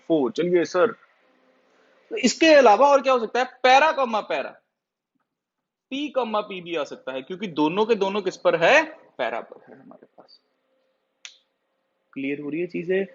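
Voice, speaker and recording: A man teaching a chemistry class, who often asks the students questions and then answers them himself. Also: a little high. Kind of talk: classroom lecture. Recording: dull lo-fi sound.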